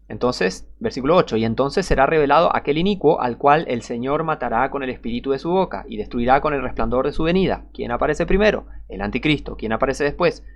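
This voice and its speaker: A man preaching a fiery sermon, reading scripture and scornfully attacking his opponents, dropping to low mutters and rising to loud warnings.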